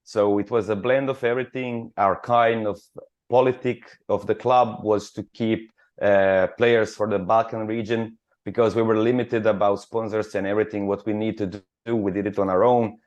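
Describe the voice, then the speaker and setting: A man's voice: fairly low pitch, level tone, normal speed, a little mellow, highs cut off. A man from Croatia with a Croatian accent, a futsal club captain speaking earnestly in a radio interview, with many fillers and restarts.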